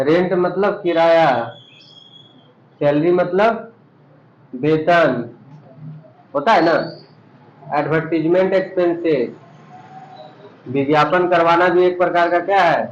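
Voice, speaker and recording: A man teaching an accounting class, explaining terms and quizzing his students with repeated questions. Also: a little high. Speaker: commerce teacher. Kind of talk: classroom lesson. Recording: dull echoey room recording.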